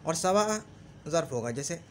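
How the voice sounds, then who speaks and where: A man teaching Arabic grammar in a lesson, slowly repeating example phrases and often checking that the listener follows. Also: fairly high pitch, lively intonation, a little hiss or hum. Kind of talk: explanatory lesson.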